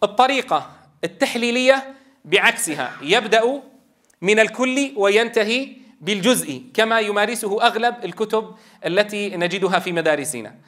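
High-voiced man giving a lecture. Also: expressive, normal speed, fairly bright tone. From Levant. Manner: explanatory, asks the class rhetorical questions. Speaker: Quran teacher trainer.

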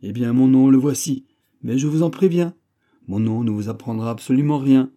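A man's voice: lowish voice, moderate pace, dark tone, natural voice. A man voicing a bold, boastful musketeer in an audiobook, brash and impatient, swearing as he demands things.

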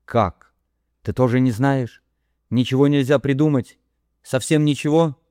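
A man reading an audiobook who voices a fragile, tearful young woman, pleading and halting as she breaks down. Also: mid-range voice, a little mellow, dry recording, studio quality, pitched above the performer's own voice, natural voice. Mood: desperate.

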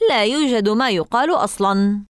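A woman's voice: mid-range voice, fairly quick, no room sound, studio quality, close to an everyday voice. A woman doing a sarcastic young boy. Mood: scoffing. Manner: sarcastic, dismissive. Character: scoffing, mocking boy of about twelve.

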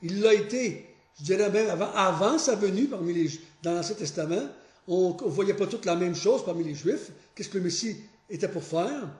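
A man leading a Bible study. He prays, reads scripture aloud and explains it earnestly, pausing often and restarting his phrases. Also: high voice, expressive, a little mellow. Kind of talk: Bible study teaching with prayer and scripture reading. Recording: echoey room.

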